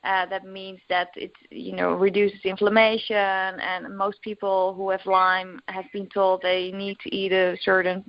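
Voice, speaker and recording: Her medium-pitched voice stays level, a little slow, with few pauses and no echo. She is a young Dutch woman from the Netherlands, a recovery coach guesting on a podcast interview, speaking openly with plenty of fillers and restarts over dull lo-fi audio.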